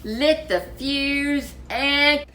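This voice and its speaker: With a high voice, a woman narrates a children's storybook, delivering it deliberately and expressively and leaning into dramatic emphasis.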